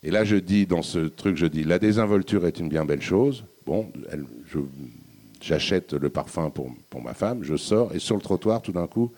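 Deep-voiced author telling a story. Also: male voice, lively intonation, normal speed, darkish tone, breathy edge. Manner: reflective, hesitant with many restarts. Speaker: author guest. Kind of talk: storytelling at a live book talk. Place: public hall with audience.

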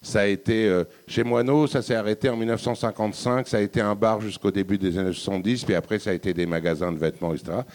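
A man's voice: on the low side, steady tone, fast, hardly any pauses, darkish tone. A middle-aged man, an author, telling a reflective story at a live book talk, hesitating and restarting often. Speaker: author guest. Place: public hall with audience.

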